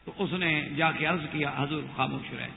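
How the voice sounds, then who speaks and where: A man preaching a sermon who retells stories with acted dialogue and chants scripture slowly. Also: fairly high pitch, gravelly. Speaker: Islamic preacher. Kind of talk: Urdu sermon with storytelling. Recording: tinny lo-fi with long reverb.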